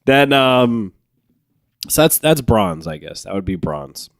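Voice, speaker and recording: A young man co-hosting a podcast, telling stories animatedly, laughing and jumping into high quoted voices. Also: very animated, takes it slowly, smooth, no echo, studio quality. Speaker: podcast co-host. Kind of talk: casual storytelling chat.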